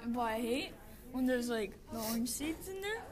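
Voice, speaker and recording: A woman chatting casually, asking hesitant questions with many pauses. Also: on the high side, expressive, a crowd in the background. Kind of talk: casual chat.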